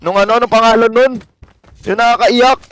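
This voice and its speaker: A young Filipino man with a light, high voice, chatting and joking with his viewers while he plays a game. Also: fairly even intonation, brisk, fairly bright tone, clear, resonant tone, no echo. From Philippines. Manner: joking, self-mocking banter with chat. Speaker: game streamer. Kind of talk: casual live-stream chat while playing.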